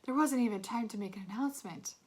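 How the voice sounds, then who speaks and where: A woman's voice: fairly high pitch, fast talker, darkish tone, husky. A woman reading aloud, voicing a teenage girl giving a tearful stage farewell. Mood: breathless.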